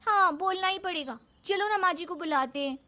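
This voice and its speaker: A woman's voice: very high-pitched, fairly quick, sharp tone. A woman voicing a young daughter-in-law who complains politely in a cartoon story. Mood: upset.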